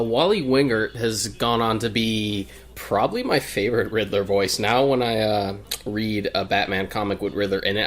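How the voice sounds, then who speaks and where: A man joining a let's play as guest, commenting in a measured, analytical way. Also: lowish voice. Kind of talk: casual gameplay commentary.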